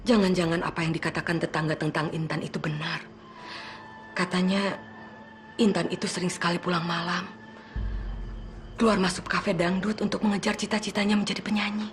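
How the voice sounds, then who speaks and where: An actress playing a gossiping, scolding middle-aged aunt in a TV drama. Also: female voice, lowish voice, little pitch movement, soft background music, natural voice. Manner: brisk, scolding then gossipy. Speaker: aunt figure.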